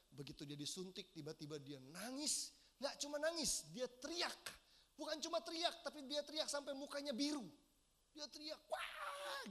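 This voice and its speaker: A man's voice: high voice, a bit bright. A man in his thirties preaching a sermon as pastor, earnest and addressing the congregation directly with questions. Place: large church hall.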